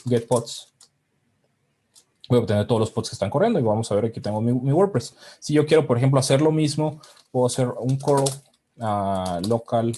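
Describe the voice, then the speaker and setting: A man giving a live technical demo, thinking aloud with halting restarts while he types commands. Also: mid-range voice, mellow, a little hiss or hum.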